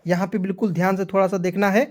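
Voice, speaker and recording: A man teaching English pronunciation as a lesson in Hindi, spelling out letters, repeating each word and asking his viewers if it is clear. He says he is sweating in the heat. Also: sits high, little pitch movement, fast. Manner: repetitive, spells letters out and drills, asks "clear?". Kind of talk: Hindi-language phonics lesson.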